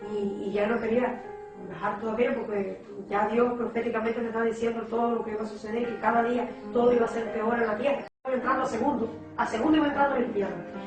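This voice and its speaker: A woman delivers an emotional religious testimony, circling back over her words and addressing her listeners as brother. Her voice sits somewhat high and comes from a distance in a very echoey church hall. Music plays clearly behind her. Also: steady tone, fast.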